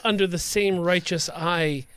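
A tabletop player voicing a righteous, condescending schemer who gives slow, theatrical villain speeches with menace. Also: mid-range voice, steady tone, fairly bright tone, smooth, lightly acted. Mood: grandiose menace. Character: righteous scheming captive Kevin, grandiose and condescending. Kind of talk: in-character tabletop role-play.

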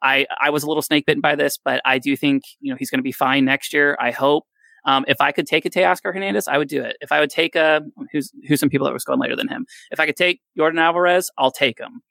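Gravelly bright-voiced man in his thirties. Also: on the high side, steady tone, fast, dry recording. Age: 30s. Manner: rambling, self-deprecating, jokey. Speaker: podcast co-host. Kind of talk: casual fantasy baseball chat.

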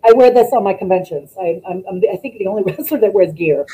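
A woman, a former wrestler, chatting as a guest over a video call, telling stories in an animated way and acting out what people said. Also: medium pitch, fast talker, slightly rough, low-quality recording. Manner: animated storytelling, acts out quotes. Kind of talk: casual interview chat.

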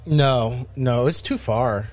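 A man's voice: medium pitch, slow. Male podcast co-host from Rhode Island, mid-range voice, casual and rambling. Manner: rambling, many fillers and restarts. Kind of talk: casual chat.

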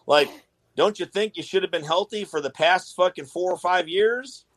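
A man's voice: sits high, normal speed, fairly bright tone, slight background noise. A man in a casual podcast chat, talking in a laid-back, rambling way with lots of swearing. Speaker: guest, tattoo artist.

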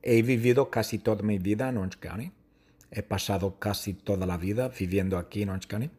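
A man giving a slow lesson, answering his own numbered questions and repeating phrases plainly. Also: lowish voice, dark tone, slightly rough. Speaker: language teacher. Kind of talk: slow Spanish lesson monologue.

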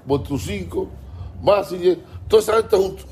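A man's voice: high-pitched, normal speed, mellow, slight background noise. A man with a Cuban Spanish accent, ranting in a heated, repetitive way, stumbling over his words and swearing often. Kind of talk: casual ranting monologue.

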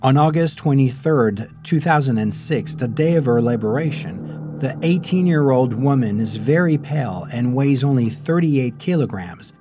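A man narrates a true story in a measured, dramatic way, his voice sitting at an ordinary middle pitch. Faint music plays quietly underneath his scripted telling. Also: lively intonation. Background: faint background music.

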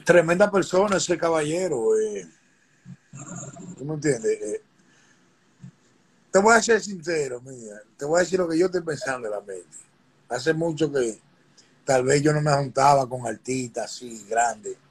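A man's voice: mid-range voice, animated, a little slow, long pauses, husky, low-quality recording. A middle-aged man, chatting casually as a guest artist in an interview, laid-back and streetwise, often checking that he is understood. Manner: laid-back, streetwise, keeps asking "¿tú me entiendes?".

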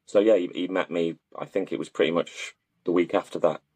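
An interview guest from Wrexham, North Wales, a football strength and conditioning coach, talks casually and matter-of-factly. His voice is deep and darkish, steady in tone and a little fast, with no echo.

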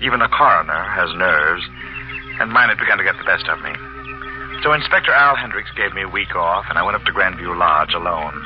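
A haunted coroner narrating in a grim, low voice in an old radio drama. The recording is dull and vintage, with music playing behind. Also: male voice, expressive, brisk. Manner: grim first-person narration. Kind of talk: 1940s radio acting.

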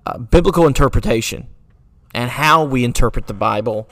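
A man's voice: medium pitch, expressive, fairly quick, a bit bright, dry recording. A man hosting a solo podcast, talking earnestly through rhetorical questions with many fillers and restarts, now and then sarcastic. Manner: sarcastic at times. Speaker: podcast host.

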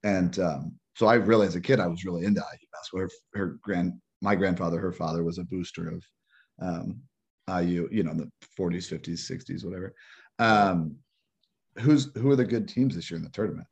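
A man co-hosting a podcast, chatting casually about sports in a rambling, halting way full of restarts. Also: sits low, a little mellow, husky, lo-fi sound. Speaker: podcast co-host.

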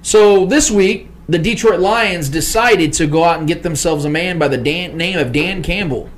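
A man's voice: on the high side, normal speed. A man hosting a sports comedy podcast, talking in a hyped, emphatic fan manner. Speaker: podcast host.

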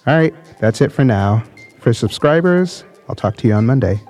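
A man's voice: medium pitch, expressive, moderate pace, darkish tone, faint music behind. A man hosting a podcast, asking casual questions with lots of fillers. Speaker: podcast host. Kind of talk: interview questions.

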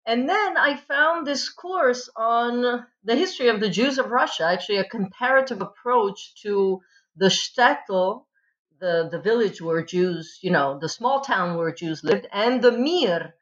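A woman from Italy, a history professor answering podcast interview questions with many pauses and fillers. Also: a little high, animated, highs cut off. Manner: thoughtful, many ums and restarts. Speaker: history professor, guest author.

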